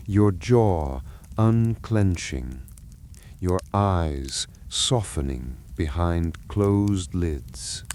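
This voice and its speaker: A man narrating a soothing sleep story in a hushed, gentle, calming way, with long pauses between phrases. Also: deep voice, slight background noise.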